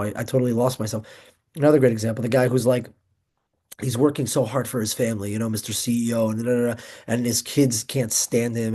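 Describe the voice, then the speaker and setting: Young male Torah teacher: excitable, emphatic delivery, mellow, darker tone. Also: medium pitch. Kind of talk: informal Torah class.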